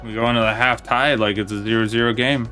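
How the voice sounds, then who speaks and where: A young man giving casual play-by-play commentary on a football video game match, in a plain, steady way that turns let down when his side concedes. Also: medium pitch, quick pace, soft background music. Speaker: gaming commentator.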